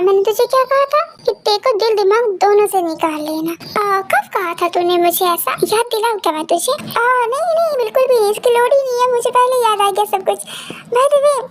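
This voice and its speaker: Very high-voiced woman doing a fan dub. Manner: chatty, teasing, playful dialogue. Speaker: fan dubber voicing several characters. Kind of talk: amateur fan dub dialogue. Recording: voice over loud background music. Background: music.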